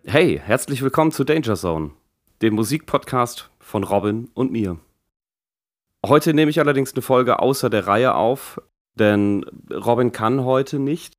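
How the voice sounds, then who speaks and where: A man with speech hosting a casual podcast, his voice deepened and worn from a recent infection. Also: lively intonation, a little slow, dry recording, clean studio sound. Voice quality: deepened, croaky voice left over from an infection. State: recovering from Covid with a lingering cough, vocal cords strained. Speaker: podcast host.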